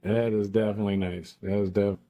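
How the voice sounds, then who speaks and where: A man's voice: lowish voice, fairly quick. A man casually touring a house on camera, admiring the rooms and chatting with viewers. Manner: relaxed, admiring, talks to viewers as y'all. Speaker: home tour vlogger. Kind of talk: casual walkthrough chat.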